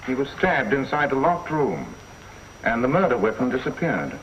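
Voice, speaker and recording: An actor playing a shrewd police inspector in a 1950s TV crime drama, measured, dry and quietly probing. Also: male voice, mid-range voice, very animated, slight background noise. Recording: dull lo-fi 1950s TV soundtrack.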